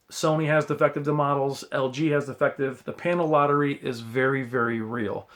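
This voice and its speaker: A man's voice: medium pitch, a bit bright. A man giving a casual, rambling opinion monologue as a YouTube tech reviewer, addressing viewers directly with blunt, earnest cautionary advice and some mild swearing, over a faint recording hiss.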